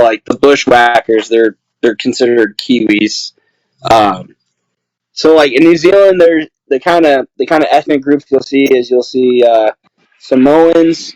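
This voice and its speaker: A relaxed young man chats loosely as a podcast guest, wandering through his answers with plenty of "like" and "um". His voice comes through a webcam on a video call, dry and close with no room sound. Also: medium pitch, no room sound, rough recording. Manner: laid-back, rambling with many fillers. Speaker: guest, pro wrestler. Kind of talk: casual podcast interview.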